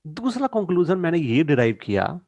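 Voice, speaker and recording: A middle-aged male teacher giving a lesson to students, mixing two languages and stressing key English phrases slowly. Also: fairly high pitch, sing-song, darkish tone, dry recording, dull audio. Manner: mixes Hindi and English, addresses students directly.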